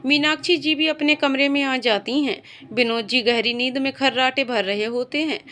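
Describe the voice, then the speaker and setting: A woman's voice: high-pitched, normal speed, pushed and bright. A woman reading an emotional story aloud as narrator, voicing every character in her own voice.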